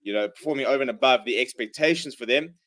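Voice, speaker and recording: Casting: hungover male streamer, medium pitch, informal rugby watchalong chat and commentary. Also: quick pace, fairly bright tone. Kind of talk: casual livestream chat and live sports commentary.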